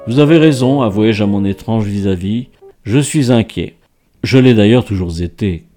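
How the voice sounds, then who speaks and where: A man reading a first-person novel aloud as narrator in a measured, literary way. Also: on the low side, music in the background.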